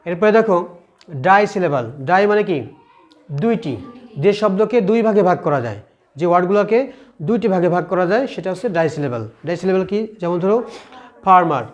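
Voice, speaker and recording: A man's voice: high-pitched, animated, moderate pace, muffled recording. A man teaching an English lesson to students, explaining step by step, asking questions and repeating the answers. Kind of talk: classroom lesson.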